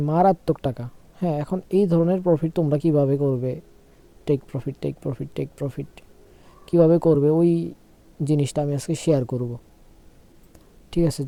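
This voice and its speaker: A young man, unwell and speaking slowly, giving a casual screen-share trading tutorial and often checking "okay?". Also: fairly high pitch, warm tone, no room sound. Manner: slow, repeats phrases, asks "okay?" often.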